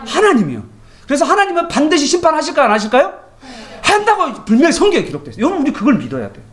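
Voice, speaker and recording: Animated high-voiced male pastor. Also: very fast. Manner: animated, colloquial, tells everyday anecdotes; asks the congregation rhetorical questions. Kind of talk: morning Bible devotion sermon.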